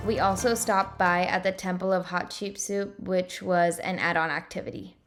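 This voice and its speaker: A young woman from California, narrating her travel vlog in a relaxed, chatty way with frequent "um"s. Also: lowish voice, moderate pace, roomy sound, over music. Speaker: travel vlogger. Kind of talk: casual voice-over narration.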